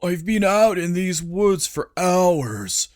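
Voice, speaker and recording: A man's voice: sits high, animated, takes it slowly, pitched above the performer's own voice. A whiny, sly young henchman speaks in a raised, nasal-sounding whine, as a man acts him out. His eagerness to please is fake. This is a comic audiobook. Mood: whining. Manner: whining, falsely compliant.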